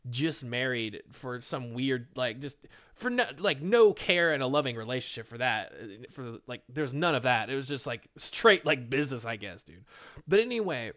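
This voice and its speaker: A man's voice: mid-range voice, big pitch swings, normal speed, pushed and bright. A young man casually telling a work story, rambling and swearing, with "dude" and "like" in every line. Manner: rambling, profane, full of "dude" and "like". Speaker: vlogger.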